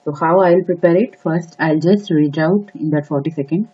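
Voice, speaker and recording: A woman's voice: low-pitched, moderate pace, dark tone, breathy edge. A woman teaching test-prep tips in a spoken lesson, giving instructions and repeating key advice, with some hesitant fillers. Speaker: exam prep tutor. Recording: slightly dull lo-fi audio.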